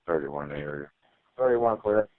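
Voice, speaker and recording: A man's voice: extremely low pitch, lively intonation, normal speed, no echo. A male police dispatcher heard over a police radio transmission, reading out units and addresses in clipped, methodical calls. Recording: narrow tinny radio channel, dry.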